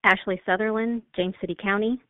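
A woman's voice: medium pitch, fairly even intonation, fairly quick. Insistent woman on a tinny phone line. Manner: insistent, demanding. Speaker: resident making a public comment. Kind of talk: recorded public comment by phone.

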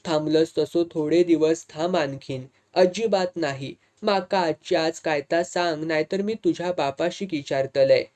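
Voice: mid-range voice, a little slow, hardly any pauses, darkish tone, natural voice. A reader voicing a hot-tempered young village man with a Malvani accent, pressing insistently in an audiobook. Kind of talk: audiobook dialogue reading.

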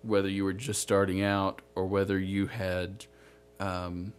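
A man co-hosting a podcast in casual chat, telling stories and quoting others in an animated way. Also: sits low, a little slow, smooth, faint music behind. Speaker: podcast co-host.

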